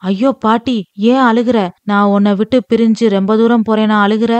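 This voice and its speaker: A woman's voice: on the high side, fairly even intonation, moderate pace, a little mellow, smooth, no echo, natural voice. A woman reading an audiobook, voicing a shy young woman in love who speaks bashfully.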